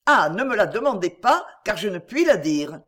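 A woman's voice: mid-range voice, very animated, moderate pace, fairly bright tone. A woman doing a grave, troubled doctor. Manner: solemn, restrained and sorrowful.

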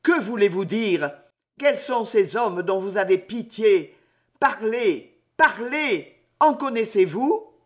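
A man voicing a proud, wounded count in a storybook reading, speaking in a hoarse voice. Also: high-pitched, expressive, a little slow, darkish tone. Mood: frantic. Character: agitated wounded male count, proud courtier.

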